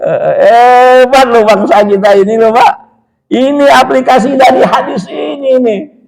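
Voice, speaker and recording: A man's voice: very high voice, unhurried, gravelly, rough recording. A male preacher giving a hadith lesson in a mosque, touches, telling anecdotes and calling his listeners Pak. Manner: animated storytelling, addresses the men as Pak.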